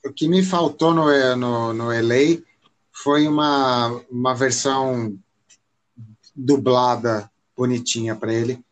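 Brazilian male host, opinionated and animated, mid-range voice, casual chat. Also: medium pitch, takes it slowly. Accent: Brazilian Portuguese. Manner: opinionated, animated, with frequent restarts.

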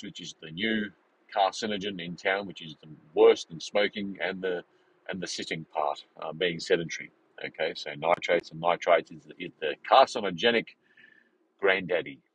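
A man in his forties hosting a podcast, talking in a rambling, animated way with many fillers and restarts. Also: deep voice, slightly rough, low-quality recording. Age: 40s. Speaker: podcast host. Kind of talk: casual unscripted monologue.

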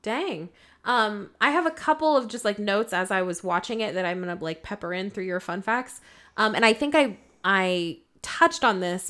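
A woman's voice: medium pitch, fairly bright tone. A woman co-hosting a podcast, chatting casually and animatedly, with many fillers and asides. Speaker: podcast co-host. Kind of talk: casual chat.

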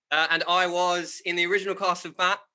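A man's voice: high voice, level tone, normal speed, sharp tone. A man with an Estuary English accent from Kent, chatting casually and jokily as a theatre performer in an interview. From Ashford, Kent, England. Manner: jokey, self-deprecating. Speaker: musical theatre performer guest. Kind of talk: casual group interview chat.

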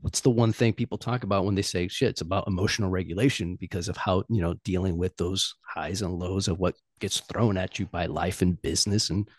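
A man's voice: sits low, steady tone, fairly quick, hardly any pauses, dry recording, studio quality. A man in his forties talking loosely and candidly, swearing and laughing easily. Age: 40s. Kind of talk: casual chat.

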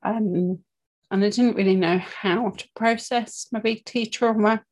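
In a medium-pitched, steady, darkish voice, a female breathing coach talks informally to camera about anxiety and breathing. She's candid and deliberate, pausing at length and frequently checking in with "okay" or "yeah."

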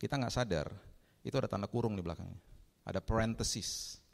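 A male pastor preaching a sermon in a lively storytelling way, acting out people's pleas in a raised voice. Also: lowish voice, fast talker, gravelly. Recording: long hall reverb.

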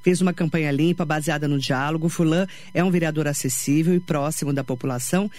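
A woman's voice: deep voice, fast talker, a little mellow. A Brazilian woman hosting a live radio talk show, chatty and self-deprecating, reading out listener messages. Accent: Brazilian Portuguese. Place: radio studio.

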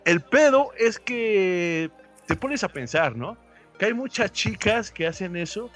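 A man's voice: high voice, lively intonation, takes it slowly, a bit bright, soft background music. A young Mexican man in casual chat, laid back and slangy, explaining his point with asides.

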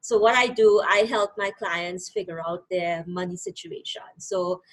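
Breathy woman with a Trinidadian accent. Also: mid-range voice, normal speed, fairly bright tone, low-quality recording. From Trinidad and Tobago. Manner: thoughtful, reflective storytelling. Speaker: guest, financial literacy and credit counselor. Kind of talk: interview conversation.

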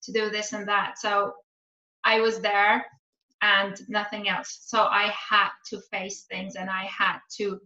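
A podcast guest from Iran, a woman in her thirties, talks casually in a medium-pitched, sharp voice with flat, unhurried delivery. Her speech is full of hesitant ums. The recording is roomy, dull and lo-fi.

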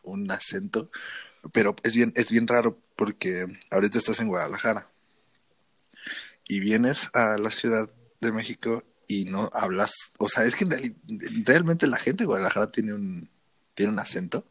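A man with a Mexico City accent, co-hosting a comedic podcast in easygoing talk with hesitant, drawn-out fillers. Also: lowish voice, fairly bright tone, breathy edge, no room sound. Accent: Mexico City Spanish. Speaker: podcast co-host. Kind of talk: casual comedic chat.

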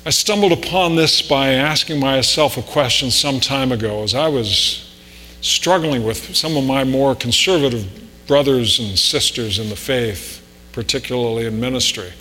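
A man's voice: mid-range voice, moderate pace, pushed and bright. A man preaching a conversational sermon with anecdotes, pressing harder on his key points. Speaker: pastor. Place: church sanctuary. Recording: reverberant hall with mains hum.

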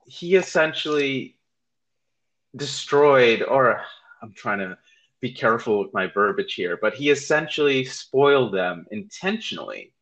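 A man's voice: mid-range voice, lively intonation, measured pace, a bit bright, low-quality recording. A man co-hosting a casual podcast chat, laughing easily and choosing his words carefully. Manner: laughs while telling stories, hedges his wording. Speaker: podcast co-host.

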